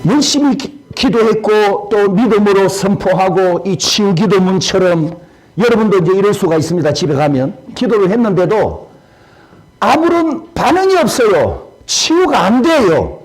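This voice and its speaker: A male pastor preaching. His voice sits high for a man and swings widely in pitch as he keeps asking the congregation questions. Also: normal speed. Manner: animated, asks the congregation questions. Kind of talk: sermon.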